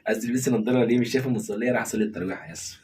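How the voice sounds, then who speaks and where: A man's voice: mid-range voice, fairly even intonation, very fast, a little mellow, slightly rough. A young man with an Egyptian accent bickering in an improvised comedy sketch, talking in an exasperated way. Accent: Egyptian Arabic.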